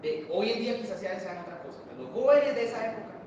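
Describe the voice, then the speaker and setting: A man, preaching a lively sermon full of acted voices and asides. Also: high-pitched, quick pace, highs cut off, noisy background. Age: late 30s. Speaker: pastor. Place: large church hall. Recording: echoey church from far off.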